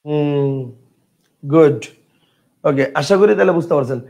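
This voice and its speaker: A man's voice: on the high side, unhurried, a little mellow. A man teaching a grammar lesson online, talking colloquially, repeating points and quizzing his students. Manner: colloquial, addresses learners as brother.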